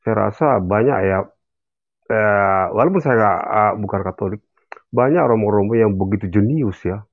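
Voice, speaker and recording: Pria bernada agak rendah terdengar lewat saluran telepon yang sempit dan tipis. Ia ikut dalam diskusi daring dan berbicara dengan serius, tegas, dan bernada menasihati. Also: male voice, lowish voice, normal speed. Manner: earnest, admonishing. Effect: heard over a phone line. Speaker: caller joining an online discussion. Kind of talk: casual opinion sharing. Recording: tinny phone-line sound.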